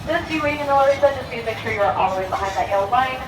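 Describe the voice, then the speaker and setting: A woman's voice: sits high, rapid-fire, noisy background. A woman giving firm safety instructions to waiting passengers as a public transit announcement. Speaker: tram attendant making safety announcements. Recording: distant, echoing announcement.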